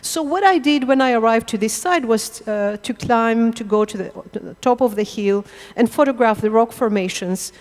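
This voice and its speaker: A middle-aged woman from Israel lectures about her photography. Her voice is smooth, resonant and sits a bit high, and she speaks haltingly as she searches for words. The talk echoes with the long reverb of a large hall. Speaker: architectural photographer giving a lecture. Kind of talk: public lecture. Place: lecture hall under stage lights.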